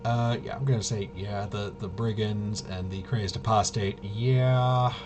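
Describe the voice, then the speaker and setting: Narrating tabletop RPG play as game master, a man speaks casually in a fairly low, steady voice. He thinks aloud in a halting way, muttering to himself as he goes.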